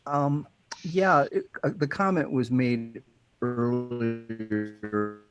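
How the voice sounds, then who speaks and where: A man's voice: mid-range voice, very slow, smooth, no echo, lo-fi sound, faint music behind. A man speaking hesitantly in a meeting while his call audio breaks up and glitches. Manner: hesitant, with many ums. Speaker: campaign volunteer in a meeting. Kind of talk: casual meeting talk over a call. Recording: dry, distant call audio that cuts out.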